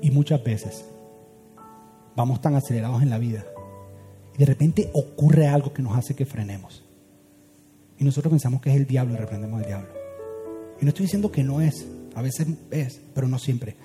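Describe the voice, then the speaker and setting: A man preaching a sermon as a pastor, swinging from loud urgent build-ups to hushed, quiet lines. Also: mid-range voice, normal speed, pauses often, soft background music.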